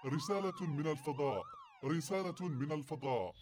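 A man announcing slowly and dramatically over a breaking-up radio transmission from space. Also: a little high, background noise.

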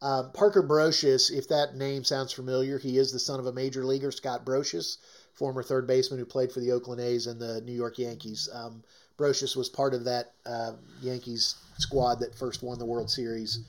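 A man's voice: medium pitch, little pitch movement, normal speed. A man co-hosting a sports talk show, talking emphatically and ranting about his team. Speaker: co-host.

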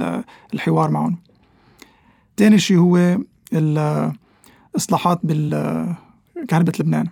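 A man with a Levantine, specifically Lebanese, Arabic accent talks quickly in a high voice with a creaky edge. He explains conversationally, like an expert guest, slipping English words into his sentences. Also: darkish tone, dry recording, studio quality. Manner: mixes English terms into Arabic. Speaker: interview guest, economic analyst.

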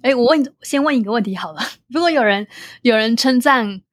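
A woman's voice: on the high side, lively intonation, fairly quick, no echo. A young adult woman from Taiwan with a Taiwanese Mandarin accent, chatting reflectively and casually, dropping in occasional English words.

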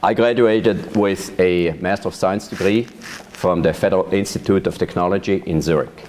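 A man, recounting his life in a measured, storytelling way during an oral history interview. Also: deep voice, fairly even intonation, darkish tone, a little hiss or hum. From Switzerland. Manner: measured storytelling with occasional laughs. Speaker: interviewee, vineyard manager. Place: his farm.

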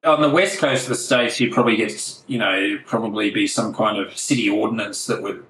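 A man's voice: lowish voice, fairly quick, a bit bright, roomy sound, a little hiss or hum, poor audio. A man co-hosting a casual podcast, chatty and rambling, laughing often over a video call. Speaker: podcast co-host. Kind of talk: casual chat.

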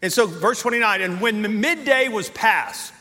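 A man preaching to his congregation, telling the story with lively energy and punching up the quoted lines. His voice sits high for a man and rings bright and forceful. The sound trails off in a long hall reverb. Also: moderate pace, faint music behind. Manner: animated storytelling, acts out quotes. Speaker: pastor. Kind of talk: sermon.

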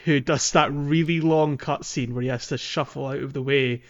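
On a podcast, a male co-host talks through a video game in a casual playthrough chat, sounding hesitant and informal. His voice is medium-pitched with fairly even intonation at a normal speed, and the audio is lo-fi.

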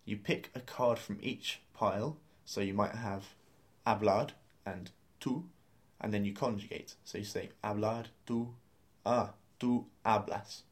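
Male lesson host, fairly low voice, upbeat explainer who laughs easily. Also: steady tone, unhurried, few pauses. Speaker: language course host.

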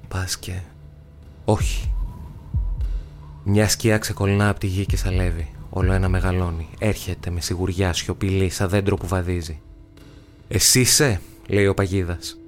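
A male actor narrating a novel as an audiobook, measured, with dramatic pauses. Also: sits low, flat delivery, a little mellow.

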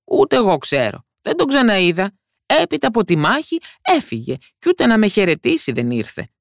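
A woman's voice: medium pitch, wildly swooping pitch, gravelly, no room sound, clean studio sound, pitched above the performer's own voice. A woman voicing a proud fairy-tale king who gives orders and asks questions with authority. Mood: commanding.

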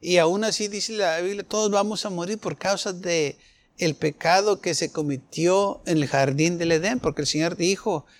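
A man's voice: high-pitched, moderate pace. A man preaching a sermon, firing rhetorical questions at the congregation and acting out the people he quotes. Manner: fervent, rhetorical questions, acts out quoted voices.

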